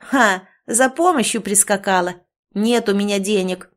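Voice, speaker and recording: A bitter older woman, as a female reader puts her on for a storybook, hoarse and catching on her words. She snaps and mocks with a pushy, raised voice. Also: mid-range voice, measured pace, lightly acted. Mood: scornful. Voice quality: hoarse, stammering. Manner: snapping and sarcastic.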